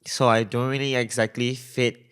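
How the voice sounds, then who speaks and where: A young man from Malaysia, a podcast guest chatting casually and acting out quoted lines in a higher voice. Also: normal speed, smooth. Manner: animated storytelling, acts out quotes in a high voice. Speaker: guest, content creator.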